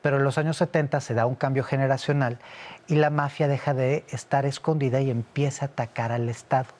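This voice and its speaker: A man's voice: mid-range voice, steady tone, fairly quick, darkish tone. A middle-aged man who grew up in Italy, giving long explanatory answers as a guest in an interview, with frequent fillers and restarts. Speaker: interview guest, security analyst.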